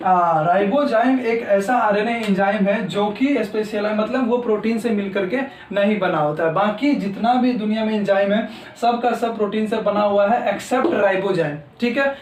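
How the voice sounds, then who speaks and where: A man's voice: high voice, moderate pace, few pauses, reverberant, recorded from a distance, slight background noise, low-quality recording. A male teacher giving an exam-prep lecture, talking straight to his students and repeating key terms as he writes on the board. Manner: talks to students directly, repeats key terms while writing.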